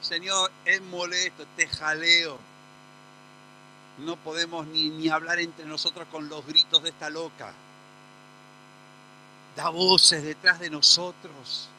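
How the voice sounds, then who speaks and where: Irritated male disciples grumbling under their breath, as a male preacher voices them. Lower and softer than the preacher's usual talk, with a bright tone. The complaint sounds exasperated. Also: level tone, takes it slowly, long pauses, a little hiss or hum, heavily acted, rough recording.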